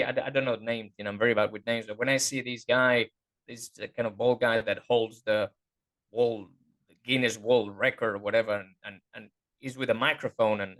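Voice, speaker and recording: Male interview guest, mid-pitched, chatty, full of fillers and restarts. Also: a bit bright. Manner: hesitant, searching for words, many fillers. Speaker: guest voice teacher. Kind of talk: casual interview chat.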